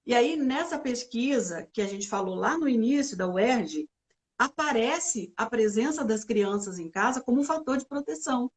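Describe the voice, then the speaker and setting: A woman psychologist talking through emotional health in a relaxed church conversation, explaining step by step with frequent tag questions. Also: on the high side, normal speed. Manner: explanatory, many filler "né"s, acts out complaints.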